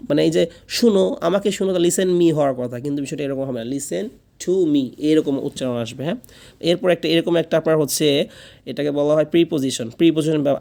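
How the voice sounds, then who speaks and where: A man teaching spoken English in a classroom lesson, patiently repeating each word slowly so learners can drill it. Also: a little high, dark tone. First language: Bengali.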